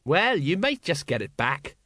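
A man's voice: a little high, very animated, a little slow, bright, forceful tone, no echo, voice pushed up, exaggerated voice. A man reading an audiobook, voicing a nervous, blustering middle-aged sergeant in a voice close to his own.

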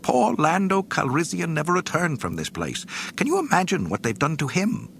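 A man's voice: fairly high pitch, sing-song, normal speed, vocal fry, a bit bright, a little hiss or hum, voice pushed up, exaggerated voice. A man voicing a fussy, anxious golden protocol robot with a prim, fretful manner.

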